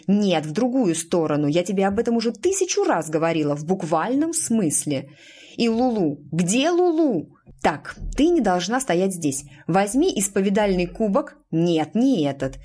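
A bossy young witch girl, as a woman reader puts her on, haughty and commanding, her pitch swooping up in scolding questions. She draws words out in a superior tone, in a storybook reading. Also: big pitch swings, warm tone, husky. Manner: commanding, correcting, drawn-out and haughty. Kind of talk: audiobook character voice.

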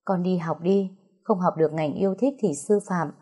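A woman voicing a grieving middle-aged mother who talks softly and with resignation. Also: on the low side, normal speed, breathy edge. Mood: resigned.

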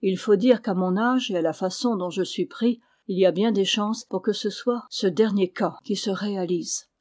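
A woman reading the lines of a seriously ill elderly father who speaks with earnest, measured reasoning. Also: mid-range voice, darkish tone, close to an everyday voice. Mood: grave. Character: ailing elderly father, grave and lucid.

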